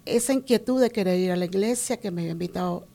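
A woman's voice: mid-range voice, fast, creaky, dark tone. A woman from Venezuela, telling her personal faith story in an interview, earnest and full of quoted conversations. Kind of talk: personal testimony.

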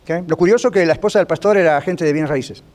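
A man's voice: on the high side, a little mellow. A man, a pastor, teaching a Bible class to his congregation in a sermon-style talk, conversational, often asking the listeners questions. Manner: rapid, conversational, asks the audience questions often. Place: large rented gym used for church meetings.

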